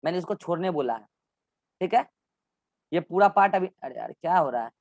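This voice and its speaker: A man's voice: fairly high pitch, animated, a little fast, creaky, darkish tone, no room sound, dull audio. A male biology teacher giving an online class in with English science terms, walking students through textbook diagrams and repeating instructions.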